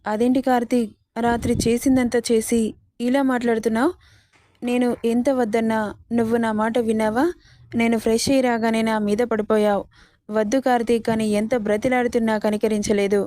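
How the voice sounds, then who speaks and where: A soft, flat-voiced temptress, read by a woman. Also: on the high side, fairly quick, no echo, lightly acted. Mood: pleading.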